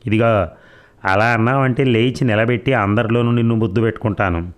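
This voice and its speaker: A man's voice: mid-range voice, fairly even intonation, a little fast, lightly acted. A man voicing a playful young husband in a novel reading, bantering and mock pleading. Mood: mock angry. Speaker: doctor.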